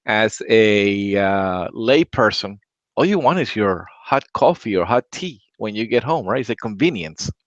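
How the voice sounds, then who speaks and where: Rambling low-voiced man, dull dry audio. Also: lively intonation, unhurried, no room sound. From Latin America. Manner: rambling, repeats words, many "right?" tags. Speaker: podcast host. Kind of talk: casual tech chat.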